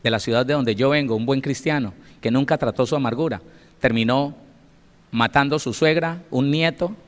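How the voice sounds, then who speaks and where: With a mid-range voice and moderate pace, a man teaches a Bible study in the manner of a sermon. As a pastor, he relates stories emphatically and turns straight to the audience, all captured in a long, reverberant hall.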